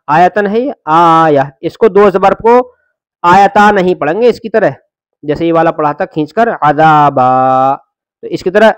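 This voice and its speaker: Male Quran reading teacher, high voice, dry close recording, spells syllables slowly and carefully. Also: no room sound. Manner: patient explaining, drawn-out syllable drills.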